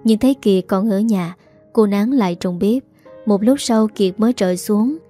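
Woman narrator, soft mellow tone, faint music underneath. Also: mid-range voice, normal speed. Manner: reads all characters in one even voice. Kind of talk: storytelling narration.

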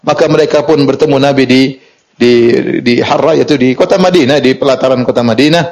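A male Islamic preacher giving a storytelling lecture, reading Arabic text and explaining it, lively and chuckling at times. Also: fairly quick, poor audio. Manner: lively, rises in pitch for emphasis and chuckles. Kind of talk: sermon.

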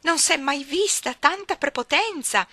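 A woman voicing an indignant, scandalised maid in an audiobook, high and loud. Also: animated, unhurried, dry recording, exaggerated voice. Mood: outraged.

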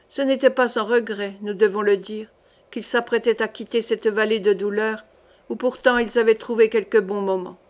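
Brief: a female audiobook narrator with a slightly high voice, reading a historical novel in a measured, expressive way. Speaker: audiobook reader.

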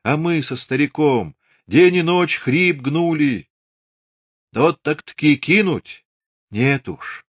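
A man voicing an elderly peasant mother who fusses and laments in a high sing-song. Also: animated, takes it slowly, slightly rough, no echo, heavily acted. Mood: aggrieved, defiant.

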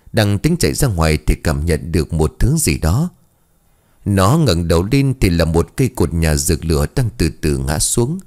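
A man narrating a scripted ghost story in a dramatic, expressive way. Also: low-pitched.

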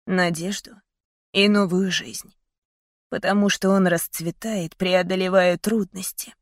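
A woman reading the part of a gentle dying father in a soft, hushed, tender voice. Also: on the low side, fairly even intonation, a little slow, no echo, natural voice. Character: gentle dying father, middle-aged man. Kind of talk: audiobook character voice.

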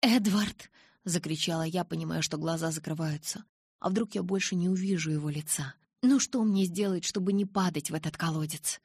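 A woman reading a novel aloud in a dramatic, intense way, with a husky voice. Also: low voice, steady tone, fast, a little mellow, no echo, clean studio sound. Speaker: audiobook reader. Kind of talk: scripted narration.

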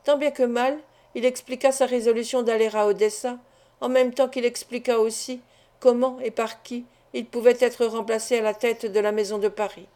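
A woman reading a classic novel aloud in a measured, expressive audiobook narration. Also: a little high. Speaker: audiobook reader.

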